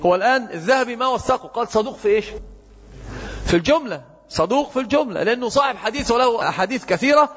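A man's voice: high-pitched, a bit bright. A man giving a classroom lecture on hadith, often quizzing his students with check questions. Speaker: hadith teacher. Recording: muffled echoey lecture hall.

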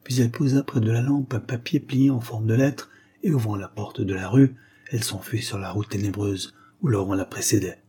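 A man narrating a classic novella as an audiobook in a measured, expressive way. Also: lowish voice, slightly rough.

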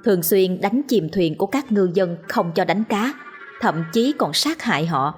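A woman's voice: medium pitch, expressive, normal speed, soft background music. A woman narrating a ghost story with dramatic storytelling.

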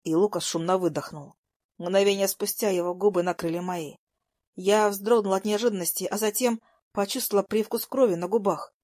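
A young woman narrating a first-person story in a soft, even storytelling voice. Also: medium pitch, a little fast, dry recording, clean studio sound.

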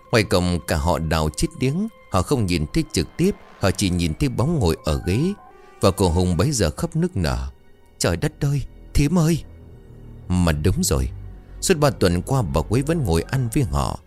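Low-voiced man telling a ghost story. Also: darkish tone. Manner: dramatic, suspenseful storytelling. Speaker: narrator. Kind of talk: scripted ghost story narration.

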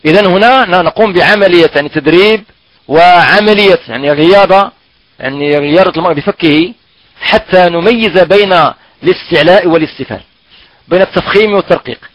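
A man teaching Quran recitation in a halting way, often stretching out syllables slowly to demonstrate how they are pronounced. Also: high-pitched, no room sound, rough recording. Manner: halting, repeats and drags out sounds to demonstrate pronunciation. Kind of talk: recorded online tajweed lesson.

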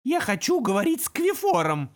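A man reading an audiobook, voicing a timid little male imp with a squeaky, piping voice. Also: big pitch swings, a little fast, full character voice.

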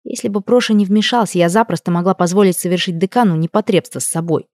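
A woman narrates a first-person audiobook in a low, warm voice. The sound is close and dry. Her storytelling is expressive and emotional. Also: quick pace, no echo.

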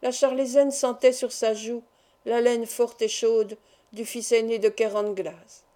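A woman reading a folk tale aloud in an even, measured storybook narration. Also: fairly high pitch. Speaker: audiobook reader.

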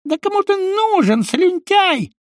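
A man voicing a spiteful, contemptuous older male ex-colleague who yells insults in an audiobook. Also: very animated, a little slow, no room sound, clean studio sound, heavily acted. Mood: contemptuous yelling. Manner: shrill, yelling insults.

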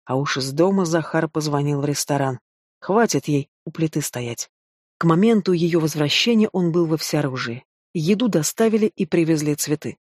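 A man's voice: a little high, darkish tone, no echo, clean studio sound. A man reading an audiobook, narrating steadily and voicing the dialogue himself. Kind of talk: scripted narration with acted dialogue.

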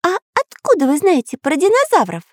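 A woman doing Karandash, a squeaky boy. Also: moderate pace, no room sound, studio quality. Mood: suspicious. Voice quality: very high, piping. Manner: eager, exclaiming. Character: excitable boy pencil artist, high and squeaky.

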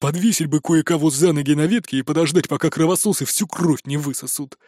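A man voicing a gruff, bullying male dwarf gang leader in an audiobook, barking and sarcastic. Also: fairly high pitch, quick pace, a little mellow, no room sound, clean studio sound, close to an everyday voice. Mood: angry. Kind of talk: audiobook character voice.

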